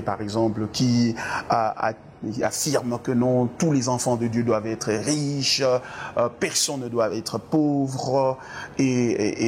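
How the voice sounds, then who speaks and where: A Congolese pastor talks through church doctrine in an interview, at an ordinary mid pitch. His delivery is earnest and sermon-like, full of hesitations and repeated words. A faint hiss sits under the recording. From Democratic Republic of the Congo. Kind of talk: interview answers on faith.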